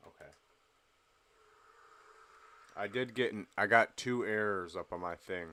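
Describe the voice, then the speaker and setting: A young man chatting casually on a late-night game stream, relaxed and rambling with lots of fillers. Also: on the low side, a little slow.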